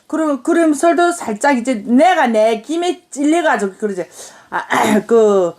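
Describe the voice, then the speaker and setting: A woman's voice: high voice, expressive, measured pace, darkish tone. A middle-aged woman with a North Korean accent, chatting casually with her daughter and laughing as she tries out regional dialects. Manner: giggly, imitates dialect phrases. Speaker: mother co-hosting a talk channel.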